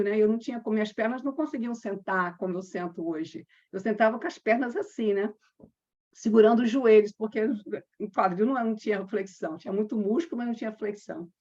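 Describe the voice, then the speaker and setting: A woman from Brazil, a yoga teacher, telling a personal story with quoted dialogue and slow chanted mantras. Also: a little high, a little mellow. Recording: dull lo-fi sound.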